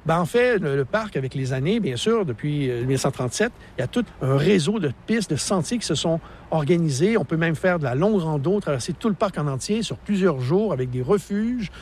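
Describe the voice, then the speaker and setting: A man's voice: a little high, animated, fairly quick, darkish tone, a little hiss or hum. A man in his sixties with a Québécois accent, an enthusiastic park naturalist explaining the landscape outdoors, laughing easily. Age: 60s. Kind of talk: outdoor interview.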